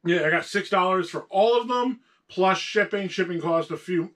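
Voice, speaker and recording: A man's voice: high-pitched, moderate pace, fairly bright tone. A man with a sore throat hosting a casual show-and-tell about his toy collection, patiently talking along with a young co-host.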